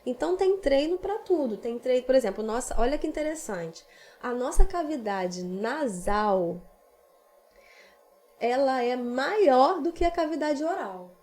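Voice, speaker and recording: A woman's voice: high-pitched, expressive, measured pace, a little mellow. A woman singing teacher with a Brazilian accent, patiently explaining vocal technique in a casual podcast chat. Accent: Brazilian Portuguese.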